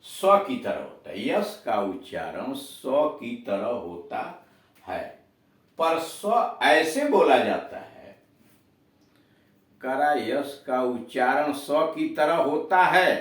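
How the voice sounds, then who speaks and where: Brief: unhurried male tutor drilling pronunciation, distant mic in a very echoey room. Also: fairly high pitch. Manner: slow, repeats example words with emphasis. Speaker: English teacher. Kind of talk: spoken pronunciation lesson.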